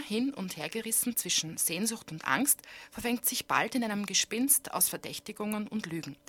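A woman's voice: medium pitch, a bit bright. A woman introducing her own novel and an upcoming book launch, speaking loosely with fillers and restarts. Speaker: author presenting her book.

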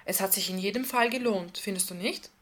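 Tender woman friend, soft and attentive, as the woman narrator puts her on. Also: medium pitch, brisk, natural voice. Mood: soft caring.

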